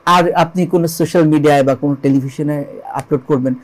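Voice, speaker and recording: A high-voiced man with a Bangladeshi accent, a songwriter and composer, speaks as an interview guest at a quick pace with fairly even intonation. He's earnest and emphatic, repeating key phrases, asking rhetorical questions, and mixing in English words.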